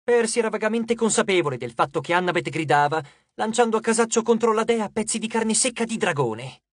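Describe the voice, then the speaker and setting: High-voiced male audiobook narrator. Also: brisk, dry recording, clean studio sound. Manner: steady, expressive storytelling. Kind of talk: scripted narration.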